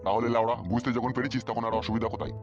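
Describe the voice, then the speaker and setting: A man's voice: medium pitch, level tone, racing, lo-fi sound, lightly acted. A man playing a foul-mouthed hot-tempered village dad. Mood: gruff. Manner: swears constantly, barking and scolding. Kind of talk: comic audio drama. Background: background music.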